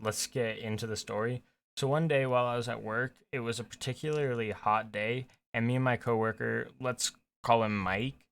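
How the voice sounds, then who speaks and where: Young man, casual storytime vlogger, mid-pitched voice, chatty, trips over words. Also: a bit bright. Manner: chatty, with frequent restarts and fillers.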